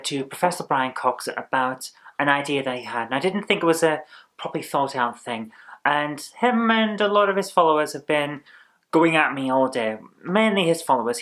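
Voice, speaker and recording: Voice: mid-range voice, fairly bright tone, no room sound. An exhausted vlogger, chatting casually and rambling as they search for words. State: exhausted, low on energy. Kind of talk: casual vlog chat.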